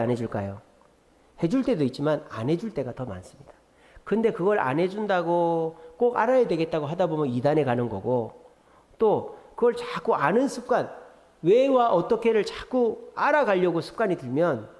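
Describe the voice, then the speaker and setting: A man pastor preaching a Friday prayer-meeting sermon, lively and expressive, acting out quoted lines. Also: fairly high pitch. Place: church sanctuary. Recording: reverberant church hall.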